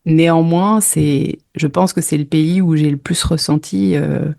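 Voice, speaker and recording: A woman's voice: low-pitched, steady tone, measured pace, gravelly, warm tone. A French woman guest recounting her travels in a casual interview, hesitant with many fillers and restarts. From France.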